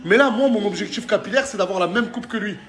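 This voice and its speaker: High-voiced man talking street slang. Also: fast talker. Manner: French suburban street slang, excitable and familiar. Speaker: vlogger and product promoter. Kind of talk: casual vlog chat and product pitch.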